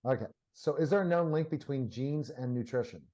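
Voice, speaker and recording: A man's voice: medium pitch, a little fast, mellow, rough recording. A male interview host with a mid-range voice. He asks questions and responds to his guest with eager, affirming enthusiasm.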